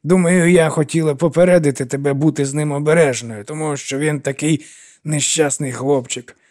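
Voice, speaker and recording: A man's voice: fairly high pitch, steady tone, moderate pace, a little mellow, pitched above the performer's own voice, lightly acted. A man voicing an older woman who scolds and mothers a troubled girl in an audiobook. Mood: stern. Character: older woman, stern yet kindly widow.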